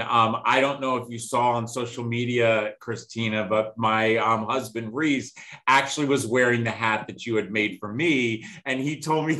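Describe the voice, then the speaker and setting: A man's voice: medium pitch, sharp tone, poor audio. A middle-aged man hosting a podcast over a video call, emphatic and passionate, often repeating his key phrases. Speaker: podcast host. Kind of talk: casual interview.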